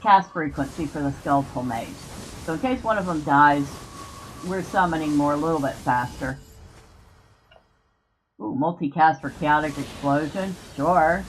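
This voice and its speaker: A woman's voice: low-pitched, moderate pace, pauses often, a little hiss or hum, poor audio. A woman giving casual gameplay commentary, thinking aloud and explaining her choices as she plays. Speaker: gamer commentating on own play. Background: music.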